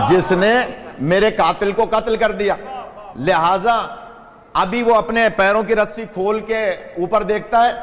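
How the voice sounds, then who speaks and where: Slightly high-voiced male preacher, lively storyteller, long hall reverb. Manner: lively narration with audience asides. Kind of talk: sermon storytelling.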